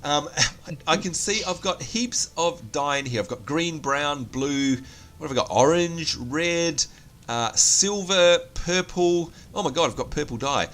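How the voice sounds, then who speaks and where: Talking a little slowly in a slightly high, somewhat bright voice with lively intonation, a New Zealander with a cold gives chatty, self-mocking commentary on the game he's playing in a casual let's play.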